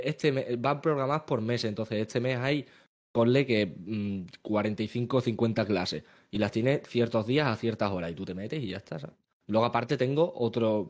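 Young man chatting casually, animated. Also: mid-range voice. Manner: animated, repetitive, restarts often. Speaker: streamer and podcast co-host. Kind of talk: casual chat.

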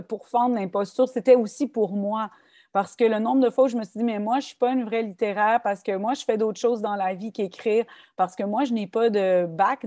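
A guest author with a Québécois French accent talks thoughtfully about poetry in a casual interview, her mid-range voice captured dry and studio-clean. She's animated, restarting often and leaning on fillers.

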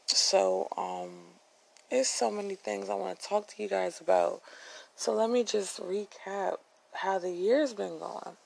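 A woman chatting casually to her followers in a low, unhurried voice, groggy from just waking up. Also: steady tone, vocal fry, rough recording. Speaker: host of a personal video segment.

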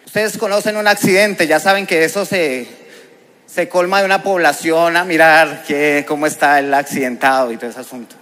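A man's voice: on the high side, moderate pace, sharp tone. A man with a Colombian accent giving a personal testimony as a preacher, telling it vividly and with emotion. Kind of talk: testimony sermon.

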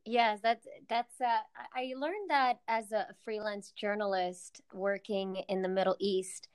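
A woman in her thirties, born in the Czech Republic and raised in New York City, joins by remote call as a guest and co-founder of a media consultancy. She is friendly, laughs easily, and uses lots of fillers and restarts. Her medium-pitched voice is clear and resonant, with a steady tone and measured pace.

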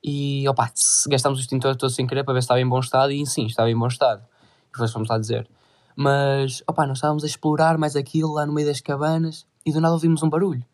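Fast-talking Portuguese teen swearing a lot. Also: male voice, mid-range voice, flat delivery, darkish tone. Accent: European Portuguese. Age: teens. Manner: crude slang, swearing, rambling. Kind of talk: casual storytelling.

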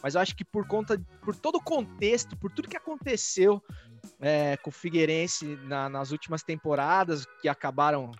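A man hosting a football podcast, talking in an animated, joking way with many restarts. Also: a little high, normal speed, soft background music. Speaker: podcast host. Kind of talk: casual chat.

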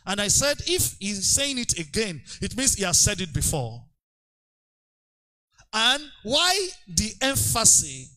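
A male preacher giving an excitable sermon, leading the congregation in call-and-response declarations. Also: high-pitched, slow pace, poor audio. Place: church service.

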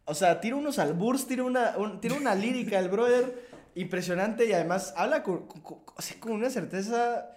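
A man's voice: sits high, a little fast, darkish tone. A man co-hosting a podcast, telling stories and joking in casual banter. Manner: laughing, storytelling banter. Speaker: podcast co-host. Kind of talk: casual chat.

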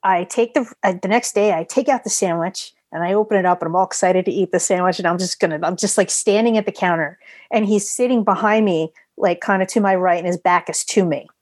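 A woman telling a rambling, animated story in casual chat, swearing freely. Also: on the low side, a little fast, no room sound.

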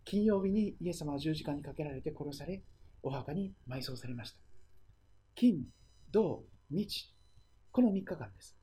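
A pastor preaching a sermon and retelling the story, often letting phrases trail into a hush. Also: mid-range voice, expressive, normal speed, breathy edge.

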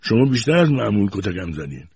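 A man's voice: fairly low pitch, very animated, gravelly, a little mellow, a little hiss or hum, voice pushed up. A man voicing a defiant young boy who answers back and stammers.

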